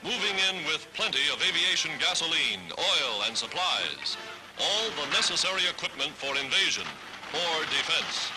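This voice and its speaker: A man narrates an old 1940s wartime newsreel in a dramatic, declamatory announcing style. His voice sits somewhat high, with a loud music score underneath. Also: very animated, moderate pace, rough recording.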